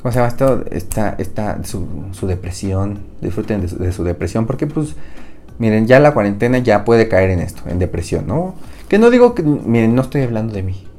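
A man's voice: fairly low pitch, lively intonation, normal speed, a little mellow, faint music behind. A young man with a Mexican Spanish accent hosting a podcast, telling rambling comic stories in slang and laughing at his own jokes. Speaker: podcast host. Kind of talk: casual comedic monologue.

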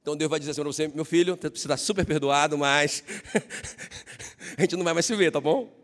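A male pastor preaching a sermon, animated, acting out questions in a high voice. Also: brisk, in a large hall.

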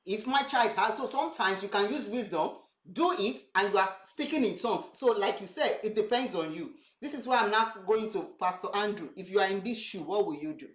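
A woman's voice: mid-range voice, animated, fairly quick, few pauses, roomy sound, low-quality recording. A Nigerian woman with a Yoruba accent, co-hosting a church talk show, earnest and searching for her words. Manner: earnest, repeats words while searching for phrasing. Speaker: co-host, pastor's wife.

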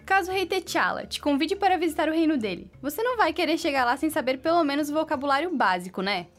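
Lively high-voiced young Brazilian woman presenter. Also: quick pace, faint music behind. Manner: playful, expressive delivery. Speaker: student radio co-host. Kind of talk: scripted radio presenting.

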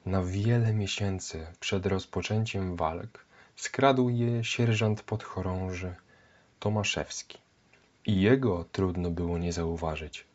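A male narrator reads a scripted historical account in a measured, solemn way. His voice is deep and his pace is slow, and the recording has a dull, lo-fi sound. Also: darkish tone.

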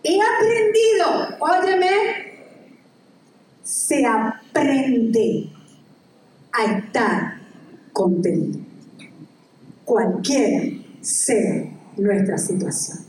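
A high-pitched woman preacher gives an animated, exclamatory sermon, reading scripture between bursts of enthusiasm. Heard from a distance in a large, echoey hall over faint room ambience, she draws out words and pauses long, with a little hiss or hum present.

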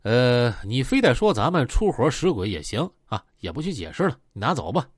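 A man acts out a shrewd young gang leader with a Northeastern Mandarin accent who calms things down. His talk is soothing and persuasive, with lively pitch. The sound is close and dry. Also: brisk, no room sound. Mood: placating.

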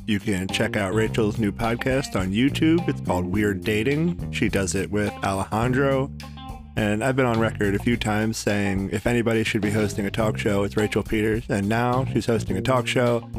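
A man in his thirties co-hosting a podcast, chatting in a relaxed, chuckling way. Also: fairly low pitch. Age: 30s. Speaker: podcast co-host. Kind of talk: casual chat.

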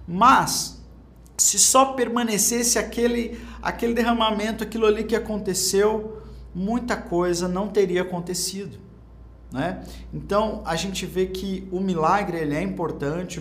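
A man's voice: high voice, a little hiss or hum. A man from Brazil teaching a Bible class as a sermon, informal and earnest, pushing his voice up for emphasis. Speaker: preacher and teacher.

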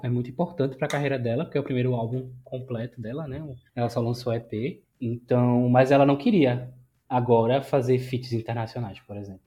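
A man's voice: mid-range voice, warm tone. A man with a Brazilian Portuguese accent, chatting casually as a podcast panelist. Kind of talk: casual chat.

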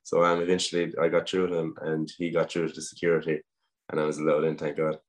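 Fast, flat-voiced Irish young man. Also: rumbling low. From Ireland. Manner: relaxed, anecdotal, frequent "um" pauses. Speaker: guest footballer. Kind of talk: casual interview storytelling.

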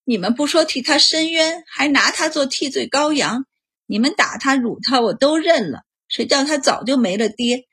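A woman voicing a grieving, furious middle-aged noble mother who scolds loudly in a storybook reading. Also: high voice, breathy edge, heavily acted. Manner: loud scolding, wailing.

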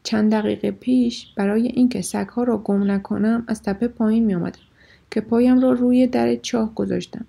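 A woman voicing a man trapped at the bottom of a well, pleading for help in a husky, raised voice. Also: on the high side, fairly even intonation, dark tone, heavily acted. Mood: anxious. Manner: desperate, calling for help.

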